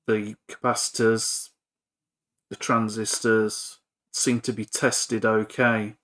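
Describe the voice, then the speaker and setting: This hobbyist repairer and video presenter narrates a fix at his workbench in a lowish, slightly bright voice, delivered flatly and slowly. He rambles hesitantly and informally, in a self-deprecating way.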